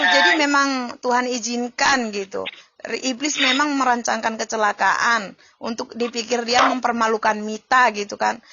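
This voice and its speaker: A woman's voice: on the high side, bright, forceful tone, no room sound. A woman pastor in casual chat who talks emotionally and refers to herself by her own name. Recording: dull lo-fi recording.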